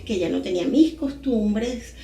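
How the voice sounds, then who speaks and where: Animated Venezuelan woman, roomy sound. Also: mid-range voice, a little slow, creaky. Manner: animated storytelling with sound words. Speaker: guest. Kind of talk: casual podcast interview.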